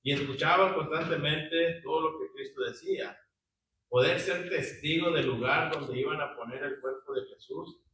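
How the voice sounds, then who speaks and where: Man, Bible study teacher, bright tense voice, higher pitch, far from mic, echoey room. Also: moderate pace. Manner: conversational, asks the group questions, frequent tag questions. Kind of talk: Bible study teaching, reading scripture aloud.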